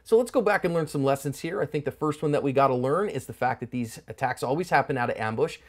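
Recorded on a lapel mic, a middle-aged American man hosts an instructional self-defense commentary. His medium-pitched voice is animated and fast, and he teaches emphatically, using folksy turns of phrase.

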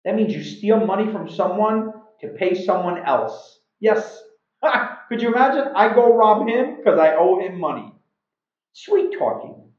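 Teaching slang to camera from a small home room, an Iranian video host in middle age uses a high-pitched, unhurried voice. His delivery is animated and emphatic, with acted-out examples, and the recording sounds roomy and a bit dull.

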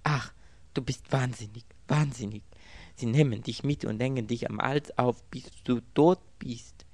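A man voicing a frightened, passionate young foreign woman in an audiobook, raising his voice into an excited, pleading tone. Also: medium pitch, unhurried, no echo, pitched above the performer's own voice. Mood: desperate.

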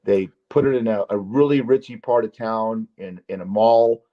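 A man's voice: lowish voice, moderate pace. A man hosting a podcast, chatting casually and telling stories in a rambling, emphatic way with many restarts. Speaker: podcast host. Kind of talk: casual chat. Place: Las Vegas. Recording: dull lo-fi audio.

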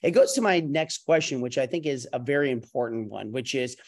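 A man's voice: medium pitch, a little fast. A middle-aged man hosting a panel over a video call from a wood-paneled room at home, talking loosely, rambling and swearing casually. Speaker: company CEO hosting a panel. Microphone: video call webcam.

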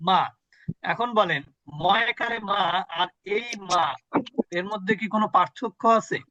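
A man's voice: sits high, normal speed, pushed and bright, lo-fi sound. A man teaching an online Quran recitation class on a video call, patiently quizzing his students and repeating sounds for them.

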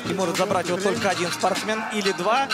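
A man's voice: high voice, steady tone, fast. A man giving live play-by-play sports commentary on a fight. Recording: music and crowd noise behind commentary. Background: arena music and crowd.

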